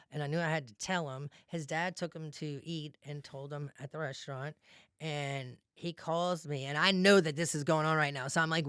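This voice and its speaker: A woman's voice: sits low, clear, resonant tone, no echo, studio quality. A woman, talking earnestly and emotionally as a podcast guest. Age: 40s. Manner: earnest, emotional, often says "you know what I mean". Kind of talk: heartfelt interview talk.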